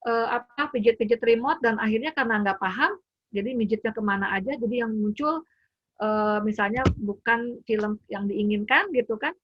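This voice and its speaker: A woman's voice: on the high side, normal speed, highs cut off, noisy background. A woman, a parent, giving an informal webinar talk from home, chatty with many fillers and acted quotes of parent and child. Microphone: computer mic on a video call.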